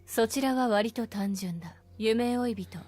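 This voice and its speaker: An actress voicing a composed adult woman in a game, speaking in a measured, matter-of-fact way. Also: on the high side, darkish tone, soft background music. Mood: calm. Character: composed, cold adult female strategist.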